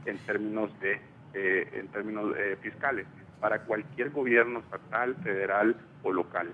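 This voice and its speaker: A man's voice: lowish voice, fairly even intonation, normal speed. A man from El Salvador, a panel guest on a live news debate, speaking hesitantly with many fillers and restarts over a phone line. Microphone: telephone. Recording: tinny phone line, faint hiss.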